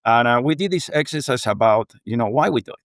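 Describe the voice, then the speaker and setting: A middle-aged Argentine man, a native Spanish speaker with an Argentine accent, appears as a guest in a conversational interview; he's a water technology executive. He speaks earnestly and reflectively, often saying "you know," in an animated, quick, mid-range voice. The recording is dry and studio quality.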